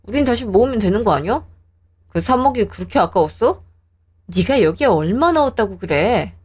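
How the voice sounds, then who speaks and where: A woman's voice: medium pitch, expressive, moderate pace, a little mellow, breathy edge. A woman voicing a defensive, hot-tempered young husband who talks in a sneering, combative way.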